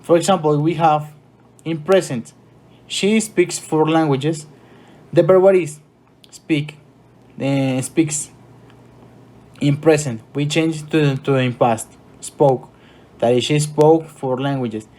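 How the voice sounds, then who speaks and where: A man with a Colombian Spanish accent teaching an English grammar lesson, switching between Spanish explanations and slow English examples. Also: on the high side, a little mellow.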